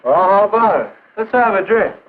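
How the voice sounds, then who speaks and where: Tinny old film sound, light noise, brash young teammate, fairly high voice, goading, cocky, 1950s acting. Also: male voice, animated, brisk.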